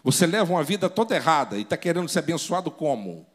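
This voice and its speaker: A man delivers a sermon as pastor, firing off rhetorical questions at his listeners. His voice sits high for a man and leaps up and down as he dramatizes each point. The tone is theatrical and pressing. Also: very animated, fast talker.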